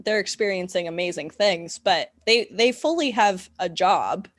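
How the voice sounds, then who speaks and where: A woman's voice: fairly low pitch, animated, normal speed, dry recording. A woman co-hosting a podcast, chatting casually and laughing easily. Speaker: podcast co-host. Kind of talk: casual chat.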